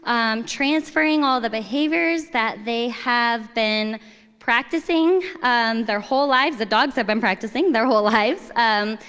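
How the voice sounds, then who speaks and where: A woman, a training coordinator, speaks at a ceremony in an unhurried way with frequent ums. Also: on the high side, fairly bright tone, clean tone. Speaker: client services training coordinator. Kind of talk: ceremony speech. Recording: long hall reverb.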